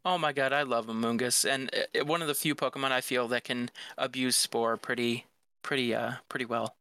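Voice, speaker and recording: A man co-hosting a casual podcast, enthusiastic and animated. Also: mid-range voice, fairly quick, clean tone, no echo. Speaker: podcast co-host. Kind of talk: casual chat.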